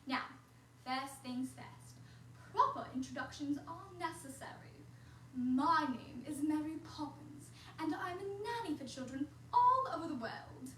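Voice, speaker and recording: A young woman performs as a cheerful, prim nanny, using a sing-song, encouraging tone with children who can't be seen in this kids' activity video. Her voice is high, a bit bright and expressive, and she takes her time. The distant mic gives a roomy sound with a slight hiss or hum.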